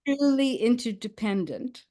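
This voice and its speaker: An older woman storyteller speaking slowly and reflectively, with frequent pauses and soft fillers. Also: fairly high pitch, animated. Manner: slow, thoughtful, with many pauses and fillers.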